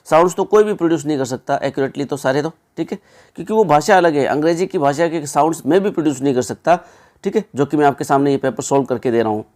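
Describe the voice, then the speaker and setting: A young man working through exam questions as a teacher, chatty, often checking in with listeners, reading options slowly before explaining them. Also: on the high side, darkish tone. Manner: conversational, repeats "ठीक है" and "दोस्तों"; reads English options slowly, then explains.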